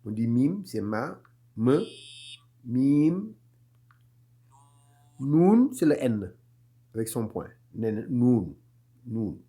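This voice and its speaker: This man's voice is medium-pitched, mellow, and husky, very animated yet very slow, with frequent pauses. He leads a slow online Quran reading lesson, patiently repeating every letter sound and describing where the mouth produces it.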